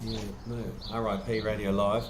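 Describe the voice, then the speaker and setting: A man giving casual, jokey live cricket commentary from an outdoor ground, breaking into excited play-by-play. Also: lowish voice, normal speed, background noise.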